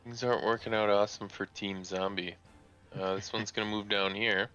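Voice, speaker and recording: A man's voice: on the low side, little pitch movement, normal speed, bright, forceful tone, lo-fi sound, soft background music. A man running a tabletop game over a voice call as dungeon master, narrating enemy turns methodically.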